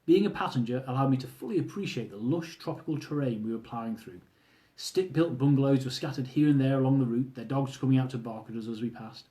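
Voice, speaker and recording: Talking fast in a mellow, medium-pitched voice, a man reads his own amusing travel memoir as if recording an audiobook. Wry storytelling mixes with asides spoken to his listeners.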